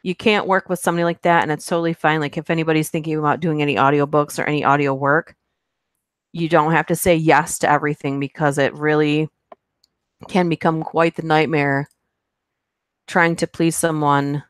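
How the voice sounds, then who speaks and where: She's the host of a horror narration channel, chatting casually on a live stream while reading viewer comments and rambling with fillers and giggles. Her deep, smooth voice keeps a steady tone at a brisk pace. Clean studio sound, no room sound.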